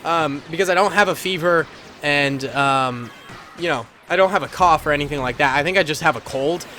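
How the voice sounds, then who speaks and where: This gaming channel host has a fairly high, sharp-toned voice and talks fairly quickly, with a little background noise present. He's congested from a cold as he chuckles often and delivers slangy, playful, casual commentary on a battle simulator game.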